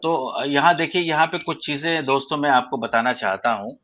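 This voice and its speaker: A man from central India with an Indian Urdu accent, teaching poetic meter in an online audio class, measured and explanatory with frequent hesitations. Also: fairly high pitch, fairly bright tone, dry recording, highs cut off. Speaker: poetry teacher. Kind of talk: prosody lesson in an online audio room.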